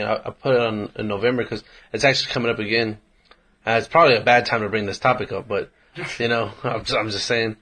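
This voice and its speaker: A man's voice: medium pitch, a bit bright. A man in his mid twenties co-hosting a casual podcast, candid and swearing freely. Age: 20s. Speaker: podcast co-host. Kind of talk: casual chat.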